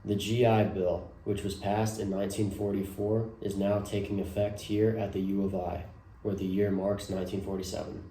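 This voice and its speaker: A man's voice: deep voice, level tone, moderate pace, dark tone. A man playing a solemn 1940s news anchor, formally reading a scripted newscast. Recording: echoey room with faint noise.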